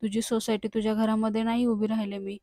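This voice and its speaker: A woman's voice: on the high side, flat delivery, fast talker, dark tone, no echo, lightly acted. A quarrelsome young woman hurling accusations and taunts, read out by a woman narrator, her voice staying in a narrow, level band. The recording is dry and close, with no room sound. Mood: defiant. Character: scheming defiant young woman, loud and insulting.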